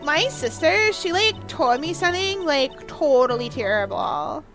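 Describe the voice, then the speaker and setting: A woman plays a ditzy, bubbly sorority-girl type from a video game. The voice is high and bright, with a drawn-out Valley Girl accent and constant filler words. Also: sing-song, soft background music, exaggerated voice. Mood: gushing. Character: ditzy young valley girl university student witness. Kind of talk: voicing video game dialogue.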